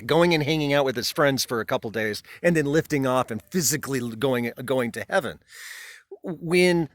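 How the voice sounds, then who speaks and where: A man's voice: on the high side, a bit bright, dry recording, clean studio sound. Casual rambling man explaining philosophy. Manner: loose, rambling, with restarts and swearing. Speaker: commentator. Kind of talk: casual spoken commentary.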